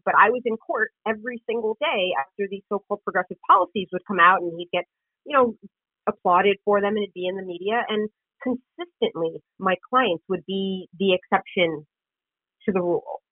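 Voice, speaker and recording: A woman's voice: mid-range voice, no echo. New woman on a thin phone line. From Queens, New York City. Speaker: interview guest, political candidate and public defender. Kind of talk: conversational interview answers, storytelling.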